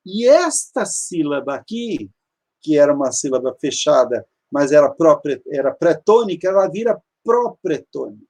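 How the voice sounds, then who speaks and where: A man's voice: fairly high pitch, sing-song, moderate pace, a little mellow. A man teaching an online grammar lesson. He explains patiently, repeats key terms and walks step by step through examples on screen. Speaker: Hebrew teacher.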